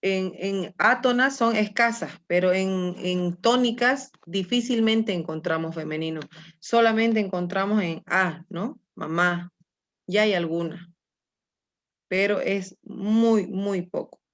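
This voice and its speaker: A woman teacher takes students through a grammar lesson at a slow, deliberate pace. She coaxes answers out of them gently and keeps checking that they follow. The recording sounds dull and lo-fi. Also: medium pitch. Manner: patient, coaxing, with check-ins like "¿no?" and "mi amor".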